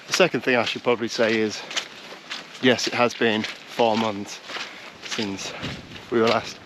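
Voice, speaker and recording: Out walking in the countryside, a thirty-something vlogger talks self-deprecatingly into his action camera, wandering off track and restarting, his voice bunged-up with congestion. He speaks at a measured pace in a fairly low, fairly even voice against a noisy background.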